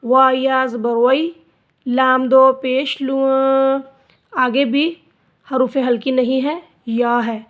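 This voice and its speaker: A woman teaching Quran recitation, spelling out letters and vowel marks, then drawing out each word slowly for the learner. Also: sits high, fairly even intonation. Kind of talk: slow spelled-out recitation lesson.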